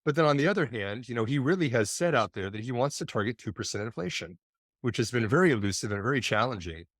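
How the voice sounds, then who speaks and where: A man's voice: medium pitch, expressive, fast talker, no echo, studio quality. A man hosting an investing interview who frames long, thoughtful questions for his guest. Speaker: host interviewer.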